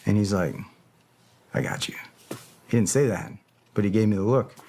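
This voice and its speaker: A man's voice: lowish voice, brisk, warm tone, a little hiss or hum. A man, a podcast guest, telling a story in casual talk, swearing bluntly and often stopping to search for words. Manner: profane, blunt and hesitant.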